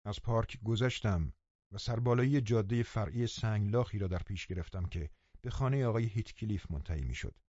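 A man reading a novel aloud in measured, unhurried first-person narration. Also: fairly low pitch, warm tone, no room sound. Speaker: audiobook narrator. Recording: dull lo-fi recording.

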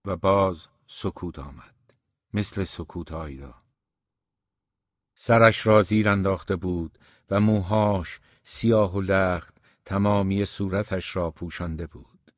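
Low-voiced man narrating an audiobook. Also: dry recording. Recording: dull, dry recording.

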